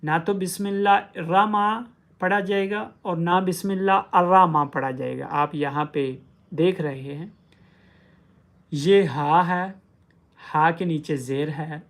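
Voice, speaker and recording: A man with a slightly high, somewhat bright voice teaches a tajweed lesson on Quran pronunciation. He explains patiently and recites examples drawn out syllable by syllable.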